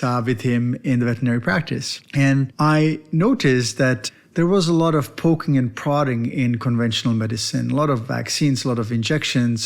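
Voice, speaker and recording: This man, a veterinarian from the Czech Republic, hosts his own podcast and tells his life story in an earnest, reflective monologue. His voice is mid-range and creaky, and his phrasing is sometimes non-native.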